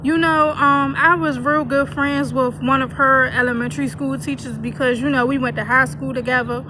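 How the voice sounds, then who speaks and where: A woman's voice: fairly even intonation, moderate pace. A woman in her thirties telling a personal story to camera in a candid, conversational way, with many "you know" fillers. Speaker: vlogger. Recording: noisy with vehicle rumble.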